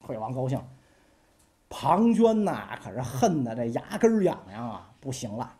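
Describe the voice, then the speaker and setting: A man's voice: mid-range voice, sing-song, normal speed, dark tone. A man telling history in a casual, colloquial way, often asking his listeners "right?". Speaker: storyteller.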